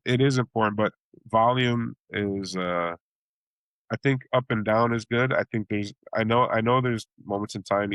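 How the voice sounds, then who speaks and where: A Chicago blues singer and bandleader chats casually in an interview, rambling along with many restarts. He acts out reactions with sudden high exclamations. His voice comes across a bit bright, with no echo.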